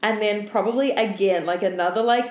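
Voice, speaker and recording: A young woman co-hosting a podcast speaks in a mid-range voice with a darkish tone, talking a little fast. Her storytelling is casual, candid and sweary, filled with "like." The audio carries a roomy echo and faint background noise.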